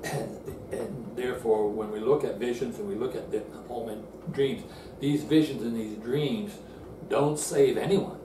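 With a medium-pitched, unhurried voice and fairly even intonation, an older man leads a seated Bible lesson indoors in front of a screen. He is earnest and explanatory, often restarting phrases through the verses, in a noisy, roomy, distant recording.

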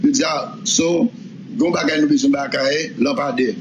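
Male witness recounting a tense night, animated, slightly high voice, noisy muffled recording. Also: normal speed. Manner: animated storytelling, voicing others' words. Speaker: person recounting events. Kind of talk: spoken testimony.

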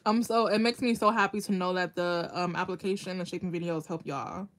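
A woman's voice: lowish voice, fairly even intonation, fairly quick, fairly bright tone. A woman hosting a casual nail art tutorial livestream, chatting with viewers by name and laughing often as she works.

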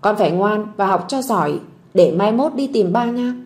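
A woman's voice: mid-range voice, expressive, moderate pace, darkish tone, close to an everyday voice. A woman voicing a tender, doting grandmother comforting a child, in a storybook audio drama. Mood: soothing. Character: tender old grandmother, soothing.

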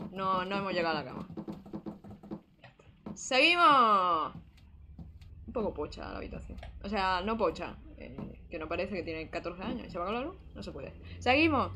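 A woman's voice: mid-range voice, a bit bright, a little hiss or hum. A young woman with a Spain Spanish accent, casually commenting on a horror game and reading its messages aloud in a chatty, jumpy, joking way. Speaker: gaming streamer. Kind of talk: casual let's play commentary.

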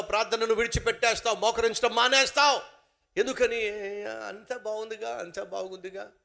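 High-voiced pastor with dramatic loud swings. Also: male voice. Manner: dramatic, swings from soft to loud emphatic bursts. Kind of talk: sermon with acted-out story.

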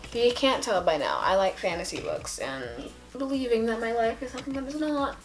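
Her voice sits on the high side, animated and brisk, with faint music in the background. She's a young vlogger on her carpet indoors late at night, tired with a headache, talking sleepily into a camera at arm's length. Her chatter rambles giddily from one subject to the next.

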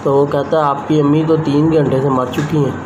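A young man with a fairly high voice that barely moves in pitch talks fairly quickly, rambling into his phone held at arm's length for a casual vlog. He films on a rooftop, then in a small room, addressing the camera directly. The recording is muffled and noisy, with outdoor ambience.

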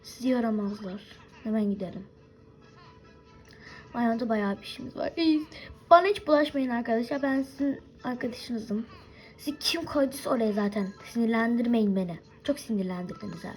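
A young woman with a high, light voice talks her viewers through a game in casual play-by-play. She chats constantly, addresses her audience directly and drifts into forgetful asides. Faint game music runs underneath. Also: fairly quick, low-quality recording. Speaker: gaming video host. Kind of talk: casual gameplay commentary.

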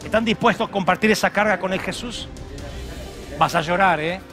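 A middle-aged man preaching a sermon as pastor, swinging from loud shouts to hushed tones. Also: sits high, normal speed, music in the background. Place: large church auditorium.

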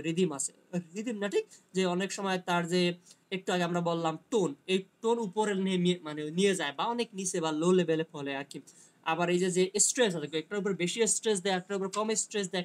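A man giving an online linguistics lecture who explains slowly, reads English passages aloud and answers students by name. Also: high voice. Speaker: teacher.

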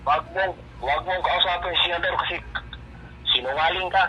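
A man's voice: on the high side, normal speed. A man making a scam phone call, repeatedly accusing and insulting the listener. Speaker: scam caller. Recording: noisy phone line.

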